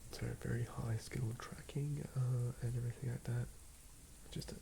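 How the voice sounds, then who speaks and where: An Australian man murmurs in a hushed ASMR whisper, rambling and thinking aloud. His voice has a mid-range pitch and a gravelly texture. A clear layer of ambient noise sits behind him. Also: little pitch movement, normal speed. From southern Australia. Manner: soft whisper, musing and rambling. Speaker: ASMR creator building a game character. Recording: noisy ambient background.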